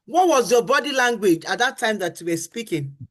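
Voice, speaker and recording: On a faith-based talk show, a middle-aged woman with a fairly high voice teaches about marriage, earnest and emphatic, repeating key phrases. She acts out husbands' and wives' complaints with lively intonation at a fairly quick pace.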